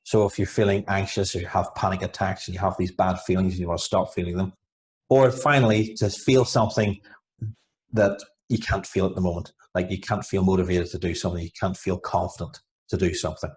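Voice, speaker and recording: Man explaining low-voiced hypnotherapist, repeating himself. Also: flat delivery, brisk. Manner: explanatory, repeats words and restarts often. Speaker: hypnotherapist guest. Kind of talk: casual interview over video. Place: home, over a video call.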